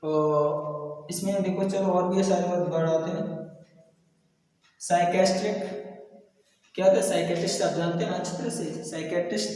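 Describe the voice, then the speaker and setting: A man with a high voice teaches a classroom lesson, drilling his students with repeated questions and calling them children. He stands well away from the microphone in a hard, echoing room with a long reverb tail. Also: steady tone, normal speed, pauses often, darkish tone. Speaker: English teacher. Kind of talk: classroom lesson on silent letters. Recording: echoey classroom from far off.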